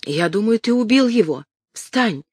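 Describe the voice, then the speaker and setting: A reader voicing a spirited young noble lady who gives sharp, commanding orders. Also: medium pitch, animated, unhurried, breathy edge, dry recording, pitched above the performer's own voice. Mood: urgent. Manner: sharp, imperious calls.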